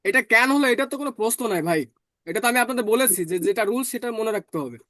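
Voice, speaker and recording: A man teaching German in an online class, explaining patiently and slowly repeating words. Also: very high-pitched, lively intonation, fairly bright tone, dry recording, studio quality.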